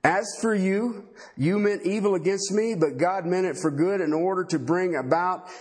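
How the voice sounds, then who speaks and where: A man's voice: high-pitched, normal speed, a little mellow. A man preaching a sermon, asking rhetorical questions and acting out the voices of biblical figures.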